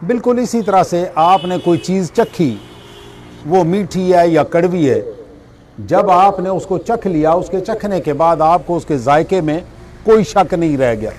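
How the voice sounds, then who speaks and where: A middle-aged man delivers a spiritual lecture in a high-pitched voice. He works through everyday examples and poses questions that he then answers himself. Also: expressive, a little mellow, a little hiss or hum. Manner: explains with everyday examples, asks and answers his own questions. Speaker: religious speaker.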